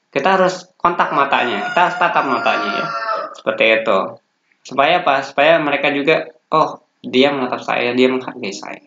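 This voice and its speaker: A man's voice: medium pitch, bright, forceful tone, a little hiss or hum. A man teaching a course from slides in a casual, loose way, with many fillers and restarts. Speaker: course instructor. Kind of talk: slide-based lecture. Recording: roomy, dull lo-fi sound.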